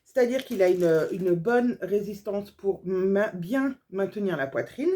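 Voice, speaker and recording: A woman's voice: mid-range voice, lively intonation, unhurried, dark tone. A woman sewing vlogger chatting casually through a haul video, gushing over small details with lots of fillers.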